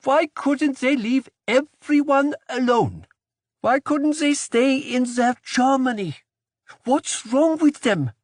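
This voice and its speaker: A man voicing a distressed, angry housewife who speaks in a high-pitched, anguished way. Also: big pitch swings, unhurried, breathy edge, dry recording, studio quality, heavily acted. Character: distressed, angry farm housewife, middle-aged.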